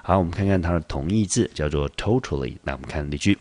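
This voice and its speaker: Taiwanese man, English teacher, very low voice, dry close sound, patient explaining. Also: a little mellow, no room sound. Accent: Taiwanese Mandarin. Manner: explains patiently, slows down to pronounce English words. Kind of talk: vocabulary lesson.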